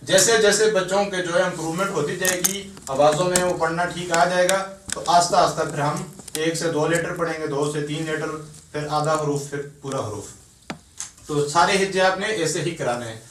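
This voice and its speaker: A man teaches tajweed to beginners. He is patient and spells out each sound slowly, syllable by syllable. The recording is echoey, with the mic at some distance from him. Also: a little high, fairly bright tone, a little hiss or hum. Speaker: Quran teacher.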